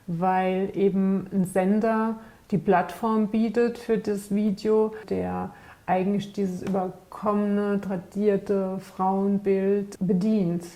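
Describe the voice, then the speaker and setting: A woman in her fifties giving measured, critical answers in a documentary interview. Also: mid-range voice, little pitch movement, dark tone. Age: 50s.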